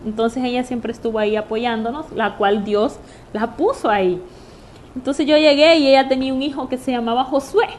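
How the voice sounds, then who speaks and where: A woman's voice: on the high side, moderate pace, a little hiss or hum. A woman giving a personal testimony sermon, talking earnestly and directly to the listener and repeating her points.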